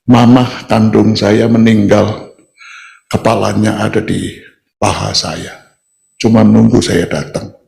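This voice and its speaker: Slow, gravelly older man preaching. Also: lowish voice, steady tone, darkish tone. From Indonesia. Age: 70s. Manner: folksy, self-deprecating humor. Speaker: pastor. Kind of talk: sermon.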